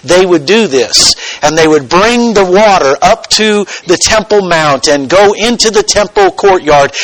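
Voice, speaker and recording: A man preaching a sermon, teaching earnestly and dropping to a soft voice for quoted words. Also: high voice, dry recording, low-quality recording. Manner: slow, earnest teaching with dramatic soft quotations.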